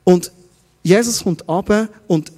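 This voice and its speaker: A man's voice: high-pitched, slow pace, a little mellow, in a large hall. A middle-aged man preaching a sermon as pastor in a Swiss German accent, posing one rhetorical question after another.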